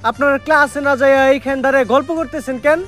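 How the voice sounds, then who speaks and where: A man, acting in a comic sketch with a loud, flustered delivery. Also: very high voice, little pitch movement, fast talker, music in the background. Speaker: comedy sketch actor playing a school principal.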